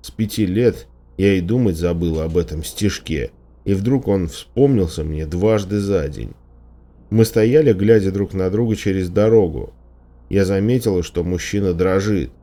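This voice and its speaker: A man reading a first-person story aloud as an audiobook narrator, steady and dramatic. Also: sits low, normal speed. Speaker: audiobook reader.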